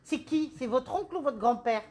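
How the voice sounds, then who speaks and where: During a live reading, a woman medium speaks at normal speed in a high voice, with a little hiss or hum audible. Her speech is animated and full of questions, and she tends to repeat phrases.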